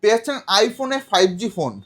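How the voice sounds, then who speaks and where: Rapid high-voiced Kolkata phone seller. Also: male voice, expressive, a bit bright. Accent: Bengali (Kolkata). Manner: rapid repetitive price listing. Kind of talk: sales pitch.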